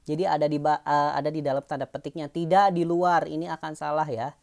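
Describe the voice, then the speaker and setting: A woman's voice: low-pitched, level tone, brisk, darkish tone. A woman teacher giving an online lesson, explaining patiently in a chatty way with fillers and tag questions.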